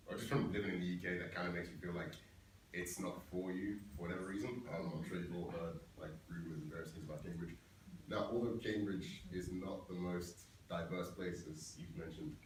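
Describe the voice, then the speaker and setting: Deep-voiced young man, far and echoey. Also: slight background noise. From Belgium. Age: young adult. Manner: relaxed, frequent fillers. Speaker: engineering student. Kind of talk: speaking to visiting schoolchildren. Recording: echoey room, voice from a distance.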